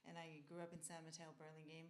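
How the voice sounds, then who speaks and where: A middle-aged woman from Tonga, a brand founder talking casually in an interview, unhurried with fillers. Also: low-pitched, monotone.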